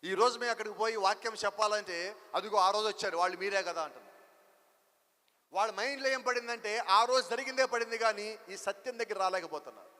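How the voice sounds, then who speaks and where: Male preacher with a very high, forceful voice, emphatic and repetitive, sermon in a reverberant hall. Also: fast. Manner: emphatic, repeats rhetorical questions.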